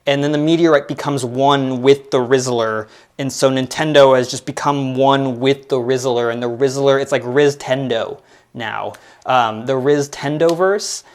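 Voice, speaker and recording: A man's voice: mid-range voice, fairly even intonation, measured pace. Rambling young man hosting a podcast. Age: 20s. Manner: rambling, filler-heavy, self-deprecating. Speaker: podcast host. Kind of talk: casual solo commentary.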